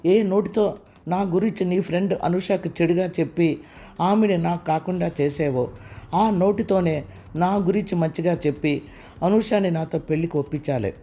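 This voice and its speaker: Cruel blackmailer, menacing and bossy, high mellow tone, man reading him. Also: normal speed, close to an everyday voice. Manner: menacing, commanding. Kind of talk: audiobook character reading.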